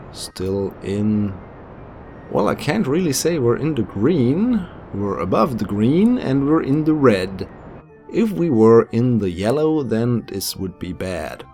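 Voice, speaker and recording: Talking over his own space-game footage, a young man with a German accent keeps up a chatty, self-deprecating commentary. He has a gravelly, darkish voice of medium pitch, recorded as a voice-over with faint music behind it.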